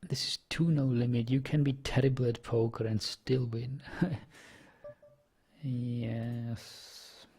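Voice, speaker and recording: Warm and husky, this young man's medium voice is slow with fairly even intonation. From the Czech Republic and a native Czech speaker with a Czech accent, he casually commentates his online poker while reading chat, thinking aloud hesitantly with plenty of fillers.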